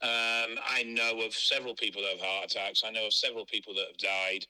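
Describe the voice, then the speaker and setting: A man's voice: on the low side, level tone, fairly quick, sharp tone. A man speaking bluntly and frankly as an interviewee, heard over a phone line. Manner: blunt, frank and matter-of-fact.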